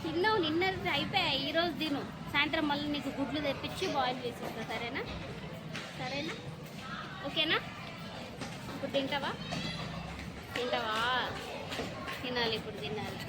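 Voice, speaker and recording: Mom, high voice, coaxing tone, recorded outdoors over heavy crowd din. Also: female voice, moderate pace, pauses often, loud music behind the voice. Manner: coaxing, talks to her son and the camera. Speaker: mother. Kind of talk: casual vlog chat. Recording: loud outdoor crowd noise.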